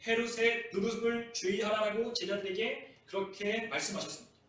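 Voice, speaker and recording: Male pastor, high bright voice, preaching in an echoey church hall, mic at a distance. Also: slight background noise. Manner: preaching with dramatic voiced quotes. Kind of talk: sermon. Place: church sanctuary.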